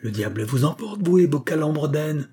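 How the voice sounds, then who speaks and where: A man voicing a cold, irritable English schemer with a curt, flat manner in a spoken story. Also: mid-range voice, moderate pace, breathy edge, pitched above the performer's own voice, close to an everyday voice. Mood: angry.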